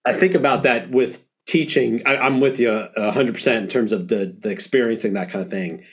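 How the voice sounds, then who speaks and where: A man in casual conversation about teaching. He speaks thoughtfully and hesitates often, restarting his sentences. His voice sits in an ordinary middle pitch. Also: brisk. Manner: thoughtful, hesitant, many fillers. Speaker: music teacher.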